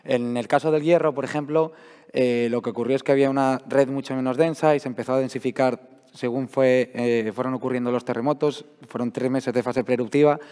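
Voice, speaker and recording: A man's voice: medium pitch, fairly even intonation, brisk, darkish tone, clear, resonant tone. A man giving an informal, explanatory science talk to an audience, his voice worn out and giving out. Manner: colloquial, explanatory. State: hoarse, voice giving out after a night out. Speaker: seismologist, guest speaker. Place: public talk in a large hall. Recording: echoey hall, long reverb.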